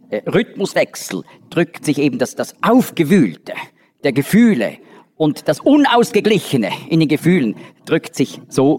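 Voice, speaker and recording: A Bible teacher with a slightly high, somewhat mellow voice gives a Bible study lecture, explaining step by step while often restarting and using fillers. The recording carries the long reverb of a large hall.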